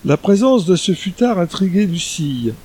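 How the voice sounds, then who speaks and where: A man narrating an audiobook in a steady, even storytelling manner. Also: sits high, normal speed, slight background noise, rough recording. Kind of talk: scripted narration.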